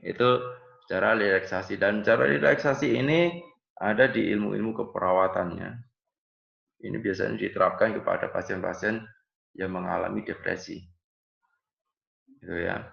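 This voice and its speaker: A man's voice: on the low side, fairly even intonation, normal speed, vocal fry, long pauses. A man teaching a nursing class, explaining patiently and often tagging phrases with "ya". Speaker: nursing lecturer. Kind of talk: online class lecture. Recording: echoey room, dull lo-fi audio.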